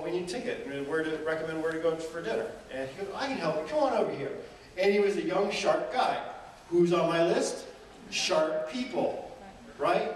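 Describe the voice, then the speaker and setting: Animated man speaking in an echoey hall. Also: fairly high pitch. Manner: energetic, storytelling, rhetorical questions to the audience. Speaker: motivational speaker. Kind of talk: live seminar talk. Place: event hall. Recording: echoey room from far off, faint noise.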